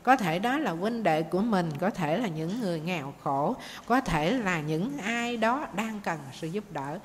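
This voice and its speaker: A Buddhist nun teacher, giving a gentle dharma talk and telling stories to her students. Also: lowish voice, expressive, unhurried. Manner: gentle, addresses students as children. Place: meditation monastery hall. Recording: faint noise, long hall reverb.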